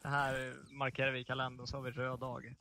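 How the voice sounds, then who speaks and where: A man's voice: medium pitch, completely flat delivery, bright, forceful tone, slight background noise. A man on casual gaming voice chat, joking in a dry way about the match.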